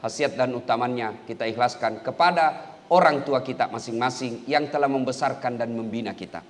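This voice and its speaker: A man preaching a sermon at an event, animated, leaping up to high emphatic calls. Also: fairly quick, big-room sound, slight background noise. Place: event hall with an audience.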